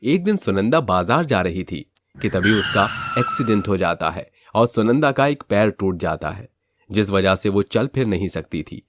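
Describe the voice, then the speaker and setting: A man narrating a cartoon family story in an even storytelling tone. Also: lowish voice, moderate pace, very noisy.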